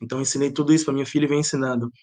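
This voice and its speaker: A Bahian playwright and director answers interview questions thoughtfully, his accent blending Bahian and European Portuguese. His medium-pitched voice is steady, slightly mellow and rapid-fire, and he often restarts sentences while searching for words.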